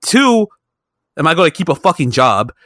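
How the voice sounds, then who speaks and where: A man co-hosting a casual podcast, telling stories in an excitable, swearing, animated way. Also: on the high side, moderate pace, dry recording, clean studio sound. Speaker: podcast co-host. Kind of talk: casual chat.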